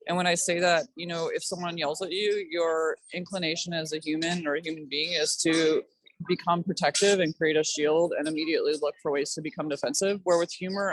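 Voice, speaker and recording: A woman's voice: low voice, no room sound, poor audio. A woman artist talking about her work in a casual, reflective way, her speech loose and peppered with filler words. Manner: thoughtful, loose, peppered with "like" and "kind of".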